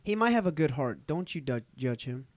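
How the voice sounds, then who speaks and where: A man's voice: a little high, sing-song, brisk, a little mellow, no echo. A man in a casual group chat, making absurd joking asides.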